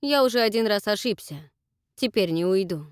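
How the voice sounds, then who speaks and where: A blunt, demanding man, as a female audiobook reader voices him, gruff and forceful. His questions come out short and insistent, recorded very dry. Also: high-pitched, lively intonation, moderate pace, dry recording, pitched above the performer's own voice. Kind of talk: audiobook character voice.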